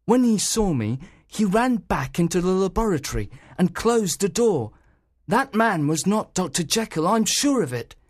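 A man doing an agitated high-voiced old servant. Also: very animated, moderate pace, dry recording, studio quality. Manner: insistent, agitated. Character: anxious loyal male servant, older.

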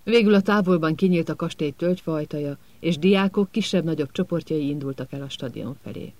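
Calm male audiobook narrator. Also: a little high. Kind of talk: scripted storybook narration.

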